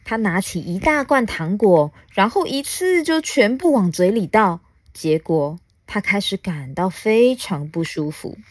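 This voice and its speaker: A mother reads a picture book aloud to her child, pausing to ask gentle, coaxing questions. Her voice is mid-pitched and recorded dry and close. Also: expressive, no echo. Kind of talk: storybook read-aloud podcast.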